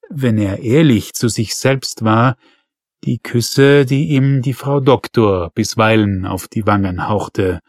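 A man reading a novel aloud as an audiobook narrator, with steady storytelling delivery. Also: fairly low pitch, breathy edge, no room sound, studio quality. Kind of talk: scripted narration.

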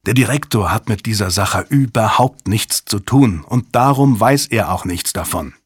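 Man doing a tired agency boss in an audiobook, firm and a bit impatient, husky, dry sound. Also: fairly low pitch, animated, moderate pace, no echo. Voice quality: firm, justifying, slightly impatient. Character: weary, defensive middle-aged male intelligence commander. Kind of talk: audiobook character voice.

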